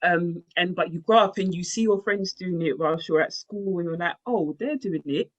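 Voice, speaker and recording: A woman in her twenties talking candidly in a casual podcast chat, animated and quick to laugh. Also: on the low side, muffled recording. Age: 20s. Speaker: podcast co-host.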